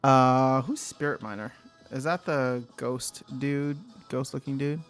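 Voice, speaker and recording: A man's voice: medium pitch, fairly even intonation, a little slow, faint music behind. A young man hosting a casual livestream, thinking aloud, answering chat and trailing off mid-sentence. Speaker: livestream host.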